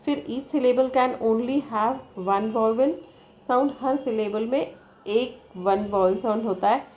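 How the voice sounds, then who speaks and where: Woman, teacher, slow and deliberate, checks in with listeners. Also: a little high, a little mellow, rough recording. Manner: reads from text, checks with "right?" and "okay?". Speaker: English teacher. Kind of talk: bilingual lesson explaining slowly.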